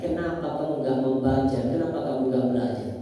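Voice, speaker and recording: A man preaching a sermon in a mosque, chanting Arabic passages and then explaining them in an animated way. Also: medium pitch, brisk. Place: mosque hall. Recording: echoey hall, from far off.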